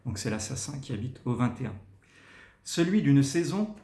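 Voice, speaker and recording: Male teacher, mid-pitched voice, reads lines with big swoops up and down, pauses to explain, roomy echoey recording. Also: big pitch swings, dark tone. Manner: demonstrates readings with big rises and falls in pitch; many fillers and checks with listeners. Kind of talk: explaining text intonation to learners.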